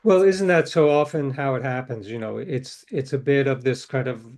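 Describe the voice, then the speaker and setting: Speaking at a normal pace, this medium-pitched, slightly mellow man is a middle-aged writer being interviewed. He recounts anecdotes thoughtfully, often restarting hesitantly as he shares his stories.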